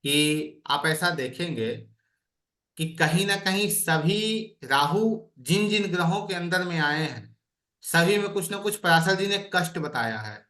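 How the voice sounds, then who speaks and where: A man's voice: a little high, animated, slow pace, bright, forceful tone, reverberant. A man teaching an online astrology class, explaining by asking his students questions.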